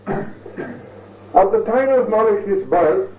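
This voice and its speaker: High-voiced lecturer, tinny distant. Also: male voice, animated, a little hiss or hum. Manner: measured, ornate, repeats phrases for emphasis. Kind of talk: formal history lecture. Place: lecture hall. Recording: tinny, echoey recording from far off.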